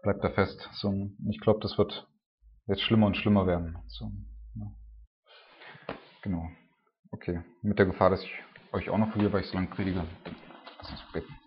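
A man with a deep, low voice preaching an informal sermon and then praying aloud. He talks in a colloquial, halting way and leans on filler words. The recording sounds dull and lo-fi. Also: flat delivery. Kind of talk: informal sermon and spoken prayer.

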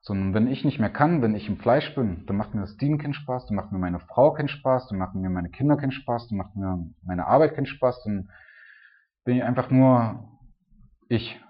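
A man's voice: mid-range voice, moderate pace, slightly rough, lo-fi sound. A man preaching a casual, conversational sermon, often tagging his sentences with little checks to his listeners. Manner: conversational, frequent tag "ne?" and "so".

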